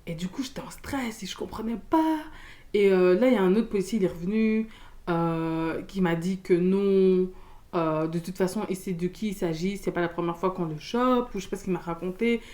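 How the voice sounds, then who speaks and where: A young woman from Belgium, telling a storytime in casual slangy chat, loud and expressive, acting out the people in her story. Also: lowish voice, normal speed. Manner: casual slangy talk with many fillers.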